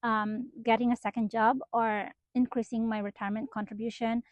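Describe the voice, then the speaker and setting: A woman with a fairly high voice speaks in a measured, serious tone. Her recording sounds dry and slightly dull. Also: little pitch movement, no room sound. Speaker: mom and database administrator.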